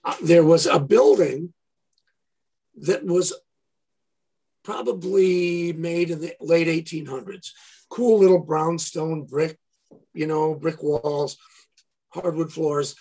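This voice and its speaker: A man's voice: fairly high pitch, slow pace, long pauses, slightly rough. A man, a guitarist and former guitar store owner, telling stories in a casual interview and acting out the voices of people in them. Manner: animated storyteller acting out quoted dialogue.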